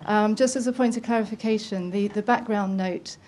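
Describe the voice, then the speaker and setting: A woman's voice: mid-range voice, steady tone, a little fast, a little mellow. A woman from the audience putting a long, hesitant question to a panel, with many ums and restarts. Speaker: audience member asking a question. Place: conference room.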